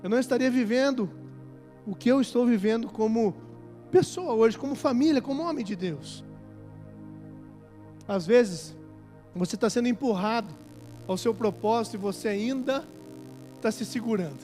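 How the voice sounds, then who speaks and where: High-voiced, impassioned preacher man. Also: moderate pace, long pauses. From Brazil. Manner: impassioned, swings from hushed to shouting. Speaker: pastor. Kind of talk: sermon. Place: large church hall at a conference. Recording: hall reverb with music under it.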